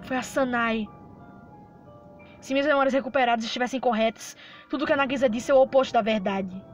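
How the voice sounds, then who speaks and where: A woman reading aloud the narration of a confused young man with lost memories, in a plain, even reading voice. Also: on the high side, fairly quick, soft background music, lightly acted. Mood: shaken.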